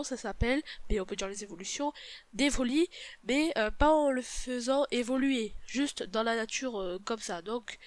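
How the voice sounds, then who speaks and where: A YouTube gaming host, sick with a cold, gives a casual game tutorial in a fairly high, stuffy, nasal voice, with a slight hiss or hum in the audio. She sounds hesitant and apologetic, frequently correcting herself.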